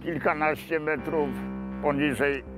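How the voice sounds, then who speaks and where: A man in his seventies from Poland, recounting local history to camera outdoors in a park in a measured, pausing manner. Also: a little high, fairly even intonation, loud music behind the voice. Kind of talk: unscripted reminiscence to camera.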